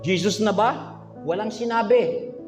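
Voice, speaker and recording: A man's voice: high-pitched, unhurried, soft background music. A man preaching a sermon at a livestream, teaching by spelling out letters and quizzing the congregation. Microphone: handheld microphone. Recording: echoey hall, dull lo-fi sound.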